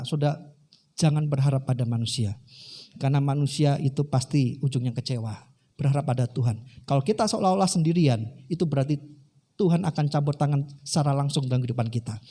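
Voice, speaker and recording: A man's voice: on the high side, warm tone. A man preaching a sermon, telling a story in a conversational way and addressing the congregation directly. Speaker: pastor.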